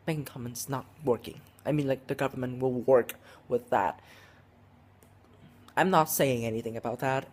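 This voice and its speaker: Teen guy rambling thru a vlog story, tons of likes and ums, keeps restarting, mid pitch. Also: darkish tone. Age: teenager, 16. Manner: rambling, heavy with "like" and "um", frequent restarts. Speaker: vlogger.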